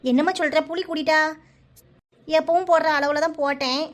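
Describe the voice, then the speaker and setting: A woman's voice: high-pitched, fairly even intonation, normal speed, close to an everyday voice. A woman voicing a busy, practical village housewife in a cartoon, explaining her cooking in a Kanyakumari accent. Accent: Kanyakumari Tamil. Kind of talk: cartoon voice acting.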